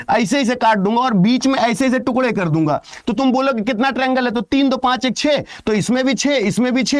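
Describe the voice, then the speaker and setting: A man teaching an exam-prep reasoning lesson, talking loudly and emphatically and firing rhetorical questions at his students. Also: extremely high pitch.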